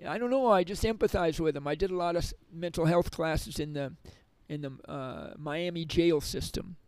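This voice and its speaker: A man's voice: on the high side, moderate pace, smooth, no room sound, rough recording. A middle-aged man who teaches yoga and meditation in prisons, telling stories in a rambling way with many restarts. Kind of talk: conversational storytelling interview.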